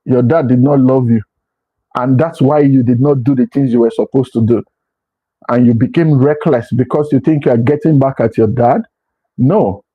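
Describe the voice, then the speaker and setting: A man's voice: mid-range voice, normal speed, slightly rough. A middle-aged man giving an earnest, preachy motivational talk, often repeating and restarting his phrases. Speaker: motivational speaker. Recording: dull lo-fi recording.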